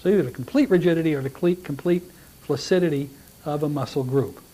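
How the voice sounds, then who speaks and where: A middle-aged man with a slightly raised voice lectures a hypnosis class in a relaxed, joking way. He talks straight to the students, often restarting his sentences. The sound is from a plain classroom. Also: on the high side, quick pace, a little hiss or hum. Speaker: hypnosis instructor.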